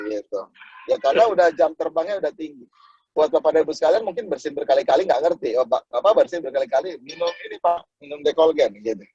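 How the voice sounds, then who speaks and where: A man giving a motivational network marketing talk over a video call, acting out little dialogues and jumping to sudden high exclamations. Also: darkish tone, breathy edge, no echo, muffled recording.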